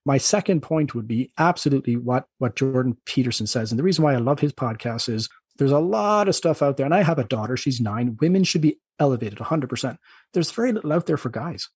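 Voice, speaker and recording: A middle-aged man with an Irish accent and a slightly husky voice, speaking quickly and anecdotally as a doctor being interviewed. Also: medium pitch, lively intonation, a little mellow, dry recording, studio quality. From Ireland. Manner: fast-talking, anecdotal. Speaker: doctor, podcast guest. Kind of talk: conversational interview.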